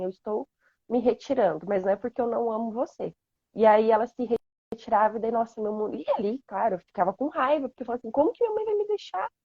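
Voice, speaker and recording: A woman's voice: fairly high pitch, darkish tone, no room sound, lo-fi sound. A woman guest speaking reflectively and earnestly about family in a casual chat. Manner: reflective, earnest, many fillers.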